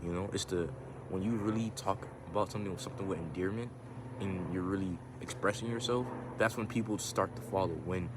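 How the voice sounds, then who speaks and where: This is a man talking casually to his phone camera out in the sunshine, his low voice moving fairly quickly over background noise. He rambles reflectively, restarting often and filling gaps, sometimes sliding into a monotone.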